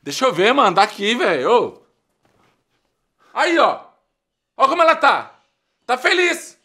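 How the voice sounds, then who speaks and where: A man playing a jealous, shouting ex-boyfriend. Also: very high-pitched, animated, moderate pace, pitched above the performer's own voice. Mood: frantic jealousy. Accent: Brazilian. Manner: loud, frantic, shouting in jealous outrage. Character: heartbroken young man obsessed with his happy ex.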